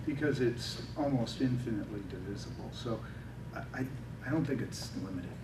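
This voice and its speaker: A man's voice: mid-range voice, expressive, fairly quick. A man speaking as a conference panelist, emphatic and often ending points with a tag question. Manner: emphatic, seeks agreement with repeated tag questions. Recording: distant echoey hall with noise.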